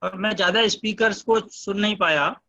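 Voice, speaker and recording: A man speaking on a poor, dropping online call line, halting, with many pauses. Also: high voice, creaky, sharp tone, slight background noise. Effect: choppy, dropping lo-fi call line. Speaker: panel member on an online meeting. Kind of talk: online panel discussion.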